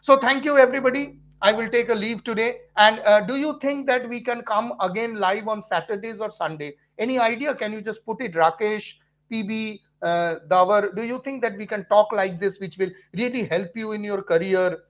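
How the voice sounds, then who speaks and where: An earnest middle-aged man with an Indian English accent chats with viewers on a live stream, his voice sitting high for a man. He talks like a teacher, repeating points and stumbling over restarts and fillers as he goes. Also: normal speed, fairly bright tone.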